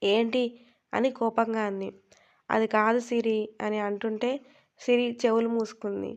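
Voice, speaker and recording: Woman reading a love story, kinda high and gravelly, muffled lo-fi audio. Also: flat delivery, normal speed. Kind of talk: reading a romantic story aloud. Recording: dull lo-fi recording.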